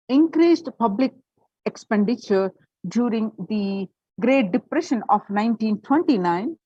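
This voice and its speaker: A woman's voice: on the high side, a little mellow, no room sound, dull audio. A woman presenting and reading a prepared article aloud, with the odd filler and restart.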